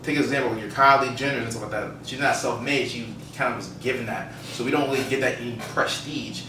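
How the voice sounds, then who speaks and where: A man's voice: medium pitch, fast talker, pushed and bright. A man co-hosting a podcast, explaining his opinions in casual, emphatic conversation. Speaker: podcast co-host. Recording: roomy, distant mic, faint noise.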